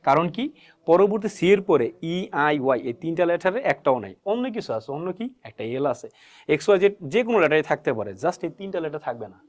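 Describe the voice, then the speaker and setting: A man's voice: a little high, big pitch swings, quick pace. A man teaching English pronunciation as a lesson, asking questions and answering them himself and repeating key words. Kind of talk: spoken classroom lesson.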